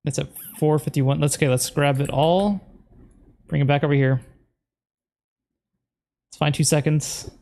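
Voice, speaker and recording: A man's voice: fairly high pitch, steady tone, unhurried, creaky, long pauses, darkish tone, slight background noise. A man streaming a game, talking casually to himself as he plays and edits his video. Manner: thinks aloud, muttering to himself. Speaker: gaming streamer. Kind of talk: casual commentary while playing and editing.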